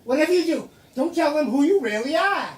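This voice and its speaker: A woman's voice: high voice, expressive, a little fast, a little mellow. A woman playing a bossy, scheming friend giving urgent orders, in a distant, roomy stage recording.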